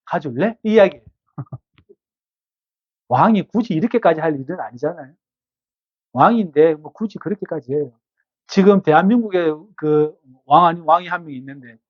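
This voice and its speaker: A man's voice: high-pitched, no echo, lo-fi sound. A male pastor preaching at an evening church service, conversational and full of rhetorical questions to the congregation. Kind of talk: sermon.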